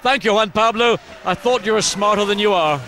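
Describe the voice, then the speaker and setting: A man's voice: sits high, fairly quick, pushed and bright. A man giving live motorsport commentary, analysing and explaining each move the drivers make.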